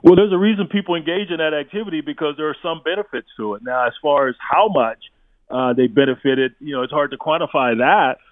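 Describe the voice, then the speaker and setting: A man's voice: on the high side, fast talker, no echo. A man, a college football analyst, giving emphatic, blunt opinions as a guest on sports talk radio. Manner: emphatic, blunt, with restarts and chuckles. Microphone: phone line into studio. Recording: tinny phone line, dry.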